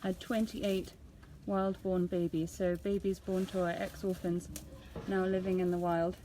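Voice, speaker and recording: A woman's voice: fairly low pitch, flat delivery, measured pace, mellow, poor audio. A woman giving casual live commentary outdoors as host, chatty and affectionate toward animals. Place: outdoors at an elephant nursery. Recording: outdoor ambience, clear background noise.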